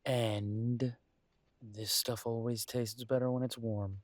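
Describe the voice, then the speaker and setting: In this lightly acted intimate audio roleplay, a man plays a grumbling, affectionate male werewolf detective who lives in the city. Speaking slowly in a mid-range voice with little pitch movement on a dry recording, he sounds gruff, wry and teasing in a fond way.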